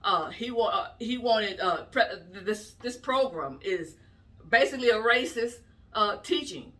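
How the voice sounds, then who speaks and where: Woman ranting on her commentary vlog, emphatic, bright tone, a bit far from the mic. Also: mid-range voice, expressive, unhurried. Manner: emphatic, indignant, conversational. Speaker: political commentator. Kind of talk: opinion vlog.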